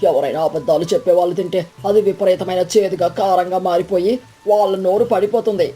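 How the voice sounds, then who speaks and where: A woman's voice: on the low side, a little fast, dark tone, soft background music, voice pushed down, lightly acted. A woman voicing a stern, grave male village elder in a storybook tale. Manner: solemn, scheming.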